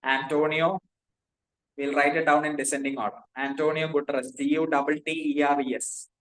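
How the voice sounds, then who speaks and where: A man's voice: a little high, level tone, normal speed, fairly bright tone, poor audio. A man with an Indian English accent teaching a class, dictating notes and spelling names letter by letter, often repeating himself.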